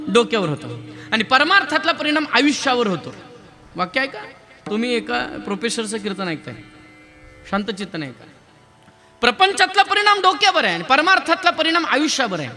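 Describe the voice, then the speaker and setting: A male devotional preacher delivering a lively sermon, teasing and quizzing his live audience. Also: extremely high pitch. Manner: lively, quizzes and teases the crowd, counts raised hands. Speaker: kirtan preacher.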